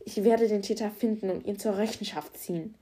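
A woman's voice: mid-range voice, steady tone, brisk, dark tone, natural voice. A woman voicing a determined, caring male police officer who speaks firmly and reassuringly in an audiobook. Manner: firm, commanding, reassuring.

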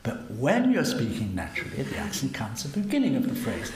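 In a roomy event recording with a faint hum, an older cellist is interviewed as a guest. His medium-pitched voice swings widely in pitch and runs a little fast as he muses self-deprecatingly, laughing at himself and tacking on tag questions.

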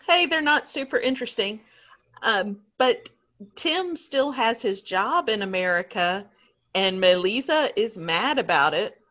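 A woman's voice: mid-range voice, lively intonation, unhurried, bright, forceful tone, highs cut off. A woman co-hosting a casual chat, laughing often and poking fun at herself. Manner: chatty, laughs often, self-deprecating. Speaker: podcast co-host.

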